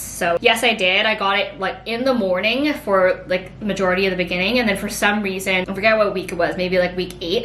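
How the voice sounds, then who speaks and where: Chatty rambling woman in an echoey room. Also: a bit bright. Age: late 20s. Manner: rambling, heavy use of "like". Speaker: vlogger. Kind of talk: casual pregnancy Q&A chat. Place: home. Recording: echoey room, faint rumble.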